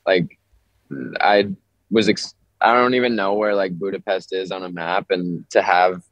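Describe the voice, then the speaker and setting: A man, a young touring musician, talking over the phone in a relaxed, rambling way with lots of filler words. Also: low-pitched, no room sound. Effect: heard over the phone. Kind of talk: casual phone interview. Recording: dry, muffled phone line.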